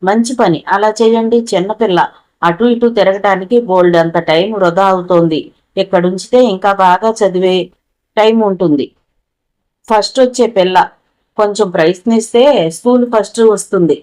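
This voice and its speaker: A woman's voice: mid-range voice, moderate pace, darkish tone, close to an everyday voice. A woman voicing a middle-aged male schoolteacher, wry and matter-of-fact.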